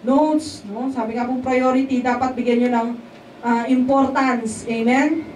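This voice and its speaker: At a worship service in a church hall, a woman from the Philippines gives her testimony casually and conversationally, often asking the congregation to agree and checking in with them. Her voice sits high and is a little mellow, with fairly even intonation and a measured pace. The hall is echoey, she's picked up from a distance, and there's faint background noise.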